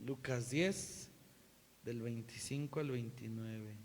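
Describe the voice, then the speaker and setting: A male pastor preaching a sermon, animated, acting out scripture dialogue with a raised voice. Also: mid-range voice, takes it slowly, long reverb tail, slight background noise.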